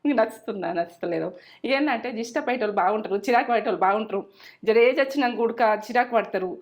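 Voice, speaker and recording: A woman's voice: a little high, rapid-fire. A middle-aged woman hosts a cooking channel, chatting and giving homely advice and repeating herself as she goes. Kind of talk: casual cooking chat with advice.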